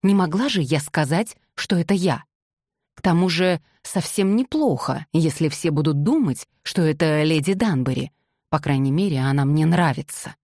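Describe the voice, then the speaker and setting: A woman's voice: low-pitched, expressive, moderate pace, a little mellow, no room sound, clean studio sound. A woman reading the lines of a proud, indignant young woman in an audiobook. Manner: indignant, insistent. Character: proud young woman, secret gossip writer.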